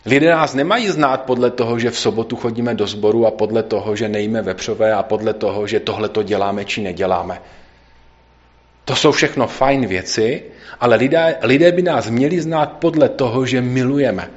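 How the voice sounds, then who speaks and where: A man preaching a sermon at a church service and reading scripture aloud, earnestly slowing for emphasis. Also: medium pitch. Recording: dull lo-fi recording.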